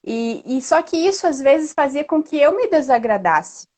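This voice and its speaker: A woman guest in a casual live chat, earnest and lively, often tagging her sentences with a questioning "né?". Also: high voice, normal speed. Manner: earnest, lively storytelling with frequent "né?".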